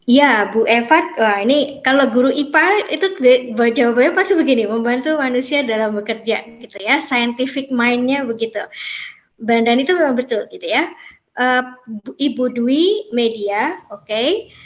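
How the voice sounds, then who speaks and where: A woman's voice: on the high side, moderate pace, highs cut off. Chatty woman leading an online workshop. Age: 40s. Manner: chatty, reads out chat replies, many fillers. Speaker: teacher trainer. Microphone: video call.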